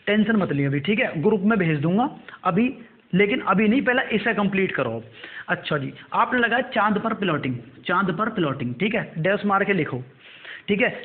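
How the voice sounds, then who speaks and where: A male coaching teacher, dictating current affairs notes and repeating each term slowly. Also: sits high. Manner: repetitive, drills terms slowly for note-taking. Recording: tinny phone-like audio.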